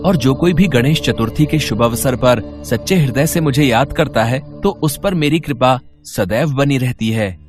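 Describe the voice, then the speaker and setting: A man's voice: mid-range voice, moderate pace, hardly any pauses, close to an everyday voice. A man voicing the young god Ganesha as an eager, cheerful boy in a storybook tale. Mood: kind. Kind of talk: storybook voice acting. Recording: music playing behind.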